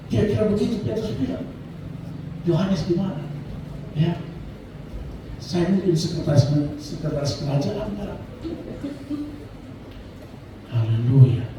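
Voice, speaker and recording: A man's voice: on the high side, expressive, measured pace, long pauses, background noise. A male pastor preaching a sermon in a church hall, breaking his lines with calls of amen and hallelujah. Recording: echoey church hall, from far off.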